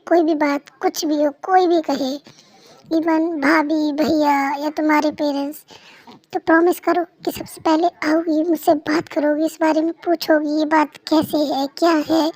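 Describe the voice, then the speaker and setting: A woman's voice: high voice, a little mellow, low-quality recording. A woman with a cold voicing an earnest, apologetic young husband in an amateur fan dub, repeating herself insistently. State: has a cold.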